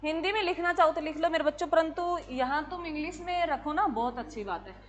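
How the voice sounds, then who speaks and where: A woman's voice: sits high, quick pace, a little hiss or hum. A woman teacher giving an exam-prep lecture, asking questions and answering them herself, often calling her students "my children".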